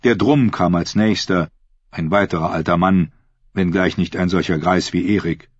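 Deep husky male audiobook narrator. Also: fairly even intonation, no room sound, muffled recording. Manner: measured, dramatic reading. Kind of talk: scripted fantasy narration.

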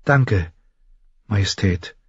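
A man voicing a frightened, timid young noble girl who speaks hesitantly and pleads softly. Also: on the high side, expressive, measured pace, breathy edge, dry recording, highs cut off, voice pushed up. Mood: timid, pleading.

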